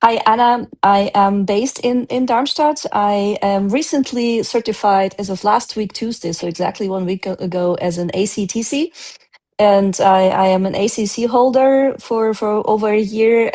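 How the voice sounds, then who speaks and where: A woman introduces herself over a video call. Her voice is at a middle pitch, and she talks in a chatty way with small restarts. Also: darkish tone. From Russia (Siberia). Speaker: independent coach and consultant.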